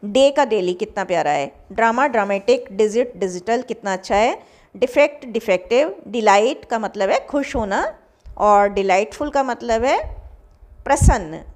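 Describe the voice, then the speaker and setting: A woman's voice: a little high, animated, a little slow. Indian woman teacher reading word pairs. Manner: reads word pairs aloud, gives Hindi meanings; warm, encouraging asides. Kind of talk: vocabulary lecture.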